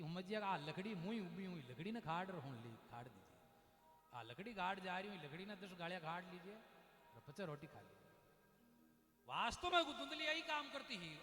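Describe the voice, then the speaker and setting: A man giving a devotional story sermon as a scripture storyteller. He is lively and swings between loud calls and low asides. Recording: echoey hall with faint music.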